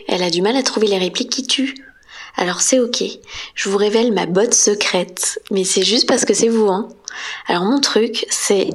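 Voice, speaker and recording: A woman's voice: fairly high pitch, slight background noise, natural voice. An actress voicing a witty, confident schoolgirl who confides a secret trick to her friends in an audio drama. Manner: confiding, sly.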